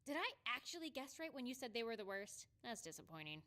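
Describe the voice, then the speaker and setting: A woman doing a high, sharp-tongued young mage. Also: very animated, fast, in a large hall, very noisy. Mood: exasperated. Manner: sarcastic, exasperated. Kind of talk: comedy fan dub.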